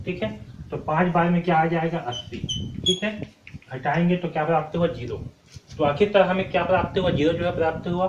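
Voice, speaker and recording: Man teaching maths in an echoey room. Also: fairly high pitch. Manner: repeats questions and answers them himself, frequent "ठीक है" checks. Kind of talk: step-by-step board lesson. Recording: echoey room, distant mic, muffled sound, noisy.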